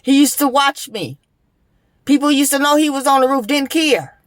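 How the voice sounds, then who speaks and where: Woman, young adult, slightly high voice, dry close sound, earnest preacher-like testimony vlog. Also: moderate pace, no echo. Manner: emphatic, repetitive, preacher-like urgency. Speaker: vlogger sharing a personal testimony. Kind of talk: emotional spoken testimony with prayer.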